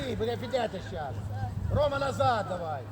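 A man coaching a youth football team from the sideline of an outdoor pitch, barking sharp instructions and scolding his players, picked up by a distant camera mic. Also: expressive, brisk, noisy background. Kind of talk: sideline shouting.

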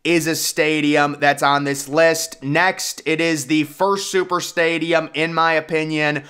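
A man's voice: on the high side, little pitch movement, a little slow, bright, forceful tone, smooth. A young man giving casual, opinionated commentary in a voice-over, enthusiastic and conversational. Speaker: YouTube sports commentator.

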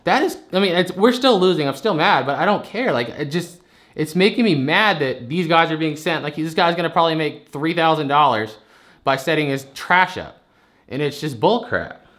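On a heated phone call, a man who buys storage units pushes his point, frustrated, rambling and saying the same things over. He speaks at a moderate pace in a somewhat high, expressive voice with a bit of brightness.

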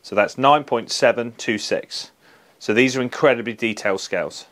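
A man's voice: mid-range voice, normal speed, a bit bright. A man, reviewing trade tools in a practical, plain-spoken way, on a lapel mic in an office. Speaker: HVAC engineer reviewing tools. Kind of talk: product review presentation.

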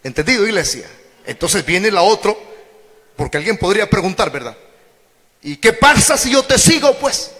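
A high, bright male voice preaching with lively, wide-ranging pitch. He swings from shouted declarations to low, drawn-out phrases in a sermon to his church. The sound rings with long reverb from a large hall. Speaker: pastor.

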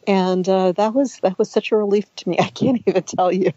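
Chatting as a guest about her writing, a middle-aged woman who grew up in the US with Hungarian as her first language keeps restarting and wandering into asides. Her pitch is medium and her pace brisk, on a muffled recording without room sound.

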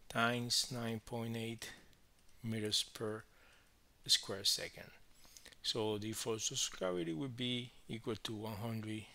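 Step by step, a man explains a physics problem, his phrasing halting and broken up by frequent verbal checks. He has a medium-pitched voice with a gravelly, sharp edge.

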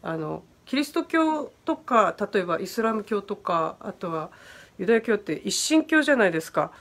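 A woman's voice: medium pitch, big pitch swings, moderate pace, fairly bright tone. A woman hosting a casual livestream, reading viewer comments aloud and answering their questions in a friendly, chatty way. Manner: friendly and chatty, many fillers, answers questions on English pronunciation. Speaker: host of an online virtual bar stream.

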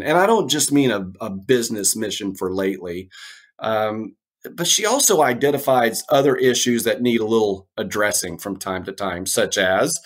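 A middle-aged man hosting a podcast, introducing his guest in a rambling, halting way with many restarts. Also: mid-range voice. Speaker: podcast host. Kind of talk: casual interview intro.

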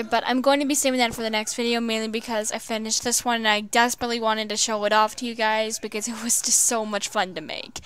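Woman reading a fanfic out loud, smooth higher voice, trips over words a lot. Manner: halting, with many stumbles and restarts. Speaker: storyteller. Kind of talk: reading fan fiction aloud.

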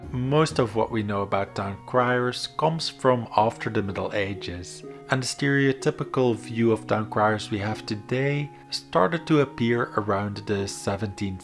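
A man reads a scripted history explainer in a mid-pitched voice. His delivery is measured and explanatory, with instrumental music playing softly behind him. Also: creaky. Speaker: video narrator. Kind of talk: scripted educational history narration. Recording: background music under voice.

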